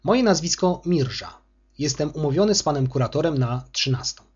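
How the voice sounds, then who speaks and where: A courteous, guarded headmaster in his sixties from an audiobook, read by a man. He speaks calmly but with lively pitch and a husky tone. The sound is dull and lo-fi. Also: normal speed. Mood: restrained. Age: 60s. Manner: polite, restrained, defensive. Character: older male school headmaster, calm but offended.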